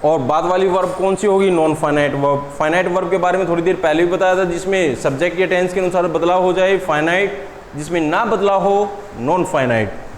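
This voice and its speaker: A man teaching an exam-prep lesson in a classroom. He asks his students questions and answers them himself, and he says words slowly and deliberately. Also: high-pitched. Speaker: English teacher. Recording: echoey room with long reverb and faint noise.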